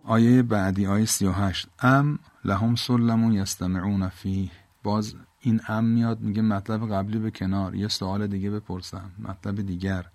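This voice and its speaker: Low-voiced man explaining scripture. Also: fairly even intonation, darkish tone, no echo. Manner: explains each verse word by word, recites Arabic then paraphrases. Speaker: Quran teacher. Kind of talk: Quran exegesis lesson.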